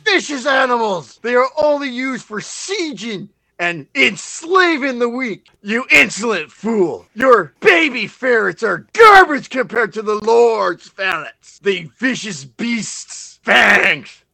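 A man doing a high gravelly minion, Bobbert. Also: animated, unhurried, pushed and bright, full character voice. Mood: ranting. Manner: zealous, snarling, fawning to his master. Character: hissing male minion of an otherworldly dark lord, fanatical.

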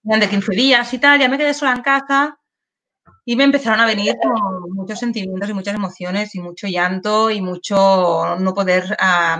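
A woman speaks candidly as an interview guest, circling back on her words and checking in with tag questions. Her voice sits at an ordinary middle pitch, and the talk is emotional and searching. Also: a bit bright. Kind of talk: personal testimony in an interview.

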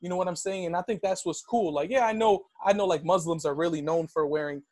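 A young Dominican man tells a personal story in casual conversation, his voice high and his pace quick on a dry recording. He narrates animatedly, packing in "like" and "yo."

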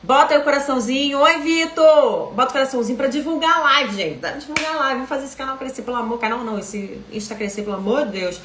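A woman with a Brazilian Portuguese accent, a language coach talking to viewers in a chatty, animated live stream. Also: sits high, fast talker, hardly any pauses, reverberant, noisy background.

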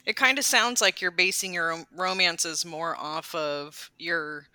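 A woman in a casual chat, playful and teasing, quick to laugh. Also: fairly low pitch, pushed and bright, no echo.

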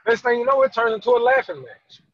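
A man with a high, lively voice speaks earnestly about fatherhood, his tone husky and slightly breathy. He stammers and restarts as he presses his points. The recording is dry and a little dull. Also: fast, no echo. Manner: earnest, emphatic, lots of restarts and stammered repeats. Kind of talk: candid conversational interview.

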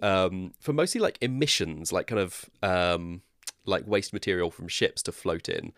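Deep-voiced West Country man. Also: sing-song, a little slow, a bit bright, dry recording, studio quality. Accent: West Country English. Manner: rambling, chatty explainer who laughs at himself. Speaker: podcast co-host. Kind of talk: casual chat.

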